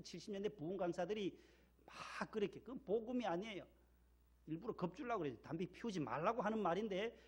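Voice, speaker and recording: Male Korean pastor, slightly high gravelly voice, emphatic repeating sermon delivery. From Gyeongsang region, Korea. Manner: emphatic, repeats key words, leads call-and-response. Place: church sanctuary.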